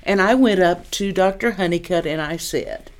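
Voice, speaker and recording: A woman's voice: on the low side, normal speed. A woman, casually telling stories from memory. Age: 60s. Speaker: interviewer, storyteller. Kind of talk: casual reminiscing.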